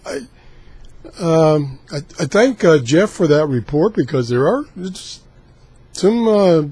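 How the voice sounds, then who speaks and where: A man casually demonstrating radio scanning, haltingly thinking aloud as he goes. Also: fairly high pitch, animated, darkish tone, breathy edge, no echo. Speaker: radio hobbyist host.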